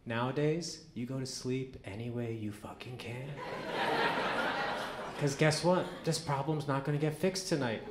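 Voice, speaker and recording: A man performing a stand-up comedy set on a club stage, telling stories in a deadpan way and acting out quoted dialogue. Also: mid-range voice, measured pace. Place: comedy club stage before a live audience. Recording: roomy club with audience noise.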